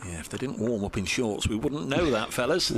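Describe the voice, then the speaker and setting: A man's voice: medium pitch, lively intonation, brisk. A man commentating conversationally on cricket, filling in players' records and statistics. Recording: clear background noise, match ambience.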